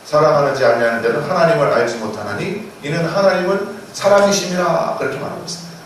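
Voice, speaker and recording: A male pastor delivers a fast Sunday sermon in a church sanctuary, driving his points home with mounting emphasis and repeatedly blessing his listeners. His fairly high voice rings through the very echoey hall, picked up by a distant mic over a faint humming noise floor.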